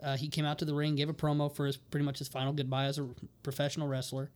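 A man's voice: fairly high pitch, monotone, rapid-fire, a little mellow. Upbeat man chatting as podcast guest. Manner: enthusiastic storyteller, self-described nerd. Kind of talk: casual chat.

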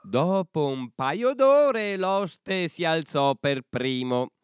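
A man narrating a traditional fairy tale for a bedtime podcast in an expressive storytelling manner. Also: a little high, extremely slow, clear, resonant tone, no echo, clean studio sound.

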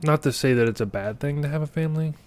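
A man's voice: a little high, fast, no echo. A young man in his late twenties chatting casually, easygoing and affirming. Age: young adult. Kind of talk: casual chat.

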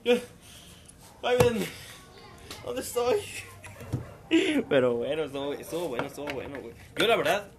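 Animated young Mexican guy telling stories. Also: on the high side, moderate pace, pauses often, crowd noise. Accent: Mexican Spanish. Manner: animated storytelling, slangy, acts out quotes. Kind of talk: casual chat among friends.

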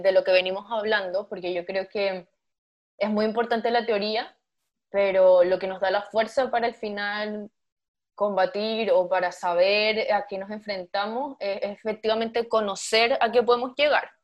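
A woman with a middle-pitched voice speaking in a relaxed discussion. She talks thoughtfully, often pausing on fillers as she gathers her points. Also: lo-fi sound. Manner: thoughtful, with frequent filler pauses. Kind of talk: casual panel discussion.

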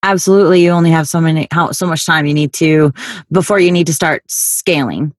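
A woman's voice: deep voice, brisk, dry recording, studio quality. A woman hosting an interview in a casual, chatty style. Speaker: interview host.

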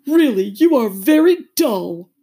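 A woman voicing a sad, weepy old male turtle creature in a storybook, speaking very slowly and mournfully with drawn-out words. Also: medium pitch, gravelly, mellow, pitched above the performer's own voice. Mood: indignant. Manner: very slow, drawn-out, mournful delivery with sighs.

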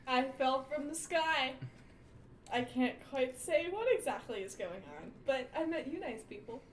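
A woman's voice: high voice, expressive, unhurried. A woman voicing a polite, genteel, slightly bewildered adventurer with formal phrasing in a tabletop role-play. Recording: echoey room with background noise.

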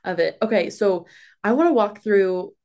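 A woman's voice: mid-range voice, moderate pace. A woman hosting a podcast, talking animatedly, saying "like" constantly and acting out her own reactions. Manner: animated, says "like" constantly, acts out quoted reactions. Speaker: podcast host. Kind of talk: casual podcast conversation.

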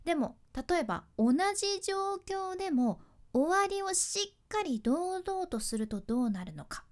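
A woman radio announcer with a Hakata dialect, hosting a chatty advice podcast and explaining with lively asides. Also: very high voice, a little slow. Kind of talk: casual spoken advice podcast.

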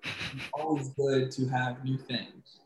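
A man from the Philadelphia area co-hosts a podcast, speaking slowly at medium pitch with a flat delivery. His casual chat is playful and rambling, and the room echoes with faint background hiss.

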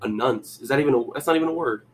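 A man's voice: medium pitch, racing, a little hiss or hum. A young man co-hosting a casual movie podcast, joking and rambling with frequent restarts. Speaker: podcast co-host.

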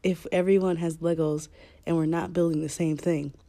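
Deep, chesty, scratchy-voiced woman podcaster. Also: little pitch movement, moderate pace, vocal fry, dark tone, dry recording. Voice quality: slightly scratchy. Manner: candid, informal, swearing freely. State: fighting a cold. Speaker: podcast host. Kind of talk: casual rambling podcast talk to listeners.

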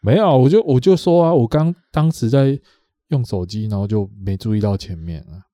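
A man's voice: medium pitch, moderate pace, mellow, no echo, studio quality. A man with a Taiwanese Mandarin accent telling a rambling story on a podcast, repeating himself and acting out what others said. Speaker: podcast co-host. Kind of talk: casual storytelling chat.

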